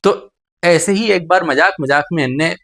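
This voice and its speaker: A man's voice: fairly high pitch, normal speed, vocal fry, fairly bright tone. Hindi-speaking male biology teacher lecturing. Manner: addresses students as "beta", asks and answers his own questions. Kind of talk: classroom lecture.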